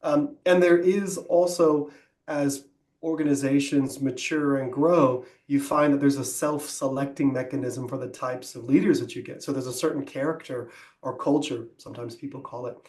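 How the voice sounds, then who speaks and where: A man's voice: mid-range voice, fairly even intonation, normal speed, darkish tone, echoey room. A man co-hosting a business podcast, explaining ideas thoughtfully with frequent ums and restarts. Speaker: podcast co-host. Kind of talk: conversational business podcast discussion.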